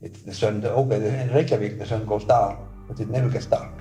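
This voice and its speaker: An older man from Iceland, recalling things in an interview with halting restarts. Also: fairly low pitch, steady tone. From north Iceland. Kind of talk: interview recollection. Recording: echoey room, faint music.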